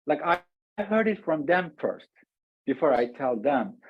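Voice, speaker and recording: A man from Turkey, a guest speaking softly and haltingly, with small grammar slips. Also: on the high side, sing-song, husky, no echo. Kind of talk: casual interview talk. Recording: tinny phone-like line, dry.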